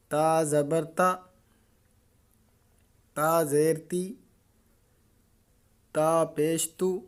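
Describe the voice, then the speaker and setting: Male Quran reading teacher, Pakistani Urdu accent, slightly higher voice, patient drill chanting. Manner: chants syllables slowly, then explains in quick asides. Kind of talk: slow recited lesson drills.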